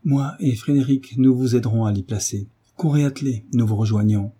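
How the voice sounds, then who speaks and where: A man reading the part of a calm, grave tutor who gives firm, decisive orders. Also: mid-range voice, fairly quick, husky, natural voice. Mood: commanding. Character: calm, commanding male tutor in his prime.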